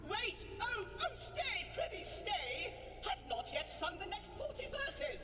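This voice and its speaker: A woman's voice: extremely high pitch, sing-song, a little slow, heavy background noise, exaggerated voice. A woman voicing a haughty, theatrical game adventurer with a British accent and grandiose, flowery delivery. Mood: pompous, pleading. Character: theatrical, haughty female adventurer playing at pirates and tea merchants. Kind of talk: video game voice acting. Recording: echoey hall reverb under game music.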